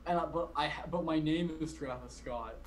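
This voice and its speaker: A man's voice: a little high, normal speed, a little hiss or hum. A young man of about twenty chatting casually as a podcast guest, rambling and often cutting himself off mid-sentence. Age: around 20. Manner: rambling, filler-heavy, self-interrupting. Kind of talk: casual chat. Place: bedroom, indoors. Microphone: video call.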